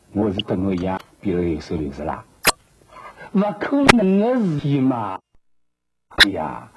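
A man's voice: low voice, exaggerated voice. An actor playing a blunt, nagging family man in a TV drama, speaking with a Shanghai accent. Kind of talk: naturalistic television drama dialogue. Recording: very noisy old TV tape.

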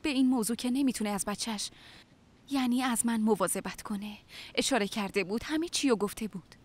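A woman's voice: fairly high pitch, lightly acted. A woman dubbing a drama role, talking in an earnest, firm, pleading way about raising her young cousin. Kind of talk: dubbed TV drama dialogue.

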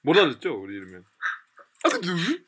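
A man with a Korean accent teaching English pronunciation in a lively lecture, repeating and drilling example phrases. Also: fairly high pitch, fairly quick, noisy background. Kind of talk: lively classroom lecture with demonstrations.

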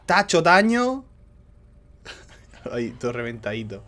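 A young man, streaming a game in casual banter, loud and excitable, yelling and laughing at the action. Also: medium pitch, takes it slowly. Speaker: gaming streamer.

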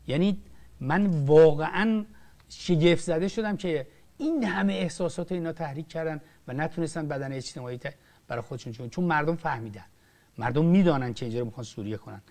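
Older male film director, emphatic, passionate speaker, somewhat high pitch, stumbles and restarts. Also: a little mellow. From Iran. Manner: emphatic, rising and falling sharply, frequent restarts. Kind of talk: impassioned political commentary.

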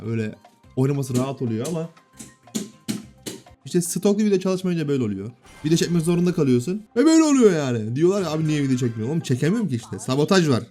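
A man in his thirties at home giving casual gameplay commentary, bantering and often shouting at his kids. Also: a little high. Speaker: gaming YouTuber and father. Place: home room.

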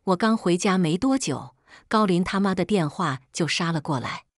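A woman reading a first-person story aloud in a sharp, sarcastic tone, recorded close to the mic. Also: fairly low pitch, lively intonation, normal speed, dry recording. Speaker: story narrator.

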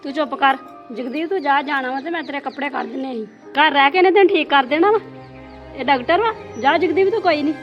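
Domineering mother-in-law, played by a woman, scolding, rapid and high-pitched. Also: dull audio, soft background music, natural voice. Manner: scolding, dismissive. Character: domineering mother-in-law who spoils her son. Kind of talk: amateur family drama.

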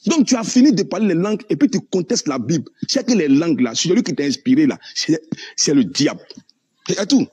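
A combative man argues over a video call. His husky voice is slightly high and swings widely in pitch as he preaches and mocks. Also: sing-song, fairly quick, dark tone. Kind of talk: heated online debate.

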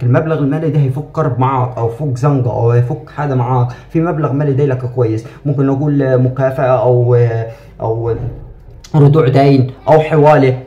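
Male spiritual reader, quick and reassuring, repetitive, roomy recording. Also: medium pitch, warm tone, highs cut off. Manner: repetitive, reassuring, drawn-out "aah" fillers. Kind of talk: spiritual reading monologue.

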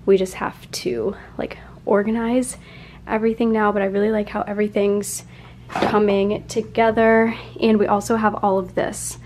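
A vlogger in her twenties chats casually while filming her apartment rooms and closet on a handheld phone, rambling with lots of "like" fillers. Her medium-pitched voice is slightly mellow, at a moderate pace with little pitch movement, and there's a little hiss or hum.

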